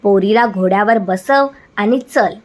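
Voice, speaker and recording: A woman's voice: mid-range voice, measured pace, natural voice. A woman voicing a fierce, commanding male village outlaw who barks stern orders while telling a folk story. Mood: threatening.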